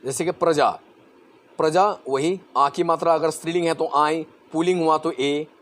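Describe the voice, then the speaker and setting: Male grammar teacher, Assamese-influenced accent, somewhat high voice, chatty and repetitive. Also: steady tone, moderate pace. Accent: Assamese-influenced Hindi. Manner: conversational, repeats words, asks and answers own questions. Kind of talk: explaining Hindi grammar to exam students.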